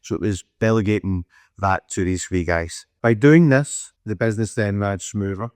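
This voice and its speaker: A man's voice: fairly low pitch, normal speed, a little mellow, no echo, clean studio sound. A man in his thirties with a broad Scottish accent, giving a casual client testimonial. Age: 30s.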